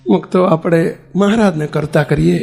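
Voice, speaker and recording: A man's voice: a little high, moderate pace, vocal fry, a little mellow, faint music behind. A man with a Gujarati accent preaching a devotional sermon, telling stories, teasing the audience with questions and slipping into sung verses. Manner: chatty, teasing questions to the audience, laughing while telling a story.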